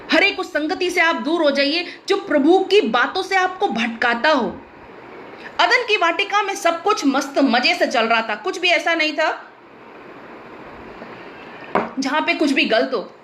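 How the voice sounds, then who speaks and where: A woman's voice: high voice, sharp tone, slight background noise. An Indian woman pastor preaching a sermon in an emphatic, blunt way with teasing humor.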